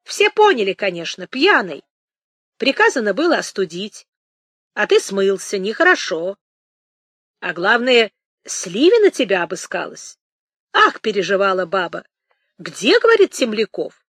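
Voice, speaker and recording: A hearty, teasing boatman, as a woman reading the story puts him on in a storybook reading. He jokes loudly and snorts as he laughs, his voice swinging up and down with lively pitch. The sound is close and dry. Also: a little slow, long pauses, no echo, heavily acted. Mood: hurried, jocular. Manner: boisterous, bantering, snorting with laughter. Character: jovial middle-aged male boatman, loud and teasing.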